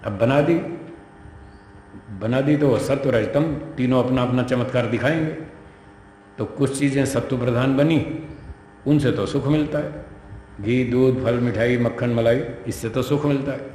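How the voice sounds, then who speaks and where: A man's voice: mid-range voice, unhurried, pauses often, darkish tone. A man lecturing as a spiritual teacher, explaining a scripture to students in a conversational way and acting out dialogue as he goes. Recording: echoey hall with faint background noise.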